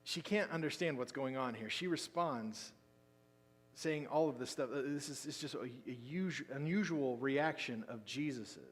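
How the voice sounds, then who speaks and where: A man preaching a sermon as pastor, telling the story with lively emphasis that drops into quiet asides. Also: mid-range voice, normal speed, slightly rough. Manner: animated storytelling, swinging between loud emphasis and quiet asides. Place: church sanctuary. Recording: long hall reverb.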